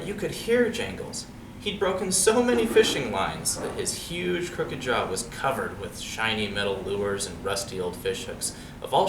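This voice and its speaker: Reading a picture book aloud to kids, a lowish-voiced man keeps things expressive and chatty, dropping in casual asides and often asking the children questions. The sound is roomy, picked up from a distant mic with noticeable background noise.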